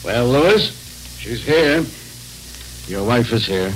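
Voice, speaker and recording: An actor playing a brusque, pushy male stranger in an old radio serial, talking in a gruff, casual, slangy way. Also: mid-range voice, expressive, slow, slight background noise, rough recording. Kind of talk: 1940s radio acting.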